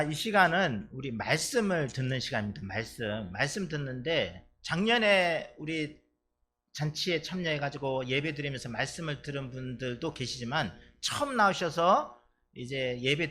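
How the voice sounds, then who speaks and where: A man's voice: a little high, big pitch swings, moderate pace, pushed and bright. A male pastor from Chungcheong preaching a sermon in a church, chatty and playful with the congregation. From Chungcheong, Korea. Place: church sanctuary.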